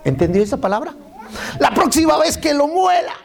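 A man's voice: extremely high pitch, big pitch swings, moderate pace, vocal fry. A man preaching a sermon, reading Bible verses aloud and calling on the congregation to repeat after him, often saying "brother" and "look". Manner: calls on the congregation to repeat phrases; keeps saying "hermano" and "mire".

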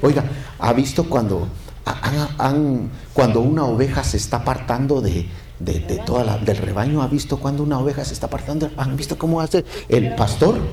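A man's voice: medium pitch, brisk, roomy sound. A man preaching a sermon, calling on the congregation for amens. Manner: lively, calls to the congregation for amens. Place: church.

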